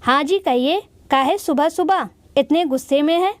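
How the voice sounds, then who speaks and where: A woman's voice: sits high, normal speed, no echo, lightly acted. A woman voicing a flustered middle-aged mother who keeps asking questions. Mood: puzzled.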